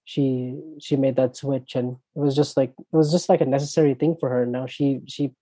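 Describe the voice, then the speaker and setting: Mellow-voiced man in relaxed tennis chat. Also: mid-range voice, normal speed, dry recording, rough recording. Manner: thoughtful, trailing off softly. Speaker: podcast co-host.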